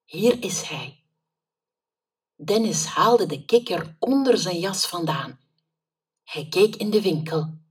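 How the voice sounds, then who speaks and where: Calm female storybook reader, slow and a bit low, set back from the mic. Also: slightly rough. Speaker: narrator. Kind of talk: children's storybook reading. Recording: voice somewhat distant from mic.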